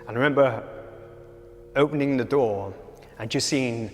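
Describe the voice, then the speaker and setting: A man who manages children's homes, telling his story in an interview in an earnest, halting way, repeating himself as emotion catches him. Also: medium pitch, long reverb tail, a little hiss or hum.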